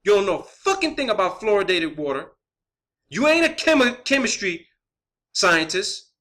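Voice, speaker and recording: This man's voice sits high and sounds pushed and bright, with a sing-song lilt at a normal speed. As an online video creator, he delivers a profane, off-the-cuff rant, blunt and emphatic, frequently repeating phrases for emphasis.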